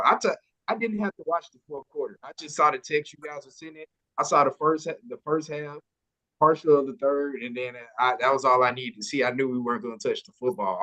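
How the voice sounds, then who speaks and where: A man's voice: mid-range voice, pushed and bright, low-quality recording. A man co-hosting a casual sports podcast, slangy and stumbling through restarts, calling people "bro.".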